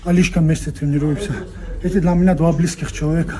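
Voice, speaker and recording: A man's voice: fairly high pitch, steady tone, quick pace. A male fighter, giving modest, noncommittal interview answers. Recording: crowd noise in busy venue.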